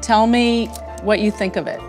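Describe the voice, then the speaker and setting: A woman's voice: mid-range voice, steady tone, normal speed, darkish tone, soft background music. A woman reporter who interviews and explains in a friendly way and laughs easily.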